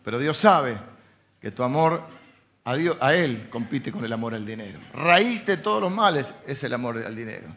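A man with a Rioplatense Spanish accent preaching a sermon as pastor, swinging from loud emphatic lines to soft intimate asides. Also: medium pitch, expressive, normal speed. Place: church. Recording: slightly dull lo-fi sound.

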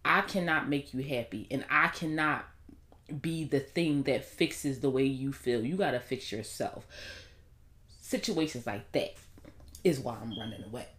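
A woman's voice: a bass voice, a little slow. A woman in her thirties talking casually and bluntly to her viewers, slangy and opinionated. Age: 30s. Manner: blunt, opinionated, slangy, animated when making a point. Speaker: vlogger. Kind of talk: casual monologue to camera.

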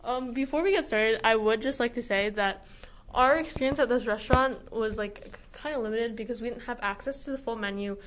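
A teenage girl co-hosting a casual review podcast, easygoing and quick to laugh. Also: on the high side, a little hiss or hum. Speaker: co-host. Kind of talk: casual chat.

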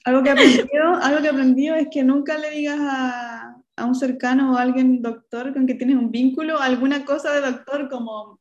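A woman's voice: high voice, fairly even intonation. Teasing woman in a roomy space. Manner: teasing, quick quips. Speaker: podcast co-host. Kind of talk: casual chat. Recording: roomy, muffled sound.

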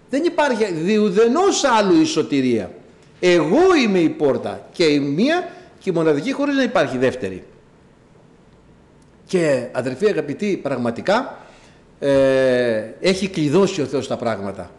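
A man preaching a sermon, telling stories and addressing the congregation directly in an animated way. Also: sits high. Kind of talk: sermon with storytelling.

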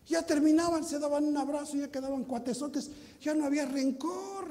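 A man preaching a sermon as pastor, emphatic and teasing, swinging between loud and hushed. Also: very high voice, normal speed, big-room sound. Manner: teasing, mocking asides to the congregation.

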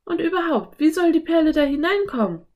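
A woman voicing a lively, curious little girl in an audiobook, with high, eager, quick exclamations. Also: lo-fi sound.

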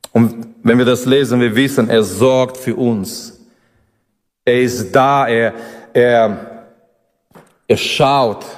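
A man preaching a sermon, emphatic and repetitive, his pitch rising and dropping from line to line. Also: long reverb tail.

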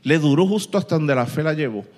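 Animated preacher in an echoing hall. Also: male voice, on the high side, fast talker. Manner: animated storytelling with sound effects and quoted voices. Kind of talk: sermon. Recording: long reverb in a large hall.

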